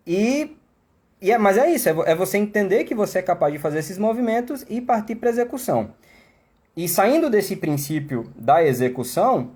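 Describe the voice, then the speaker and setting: Brazilian man, English teacher on a live stream, slightly high voice, conversational, explains with lots of asides. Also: darkish tone. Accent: Brazilian Portuguese. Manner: chatty, explanatory, many tag questions. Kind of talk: live online class.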